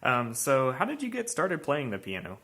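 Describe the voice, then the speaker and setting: Lively-voiced male host. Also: mid-range voice, normal speed. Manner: lively intonation, hesitant fillers when asking. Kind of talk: scripted intro and interview questions.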